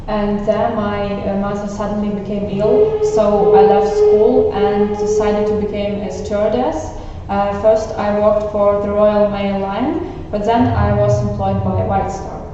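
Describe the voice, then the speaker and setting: A woman plays a stewardess who survived a shipwreck, recounting it calmly in a school role-play interview, with some hesitant fillers. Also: mid-range voice, a little slow, a little hiss or hum, lightly acted. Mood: earnest. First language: Ukrainian. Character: grown woman, ship stewardess recalling a shipwreck. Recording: echoey classroom, far mic, dull.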